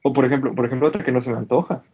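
A man's voice: mid-range voice, steady tone, very fast, husky, lo-fi sound. A man, chatting casually and animatedly over a call, full of slang and restarts. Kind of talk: casual chat. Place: indoors in Canada.

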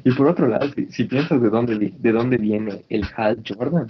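A man's voice: medium pitch, normal speed, muffled recording, a little hiss or hum. A man, chatting casually and animatedly over a call, full of slang and restarts. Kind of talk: casual chat. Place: indoors in Canada.

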